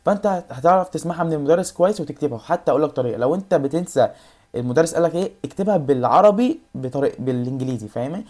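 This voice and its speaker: A woman with an Egyptian Arabic accent talks at a breakneck pace in a casual advice vlog. Her voice sits low and mellow. She speaks straight to the viewer and keeps reassuring them. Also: animated. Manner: rapid, addresses the viewer directly, repeats reassurances. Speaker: YouTuber giving exam study tips.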